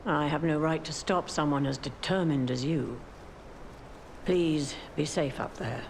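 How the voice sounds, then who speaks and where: Weary woman gatekeeper, gravelly, resigned, guilt-laden, game audio with clear noise behind. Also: low voice, a little slow. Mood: resigned, sorrowful. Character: weary, guilt-ridden woman guarding a forbidden path.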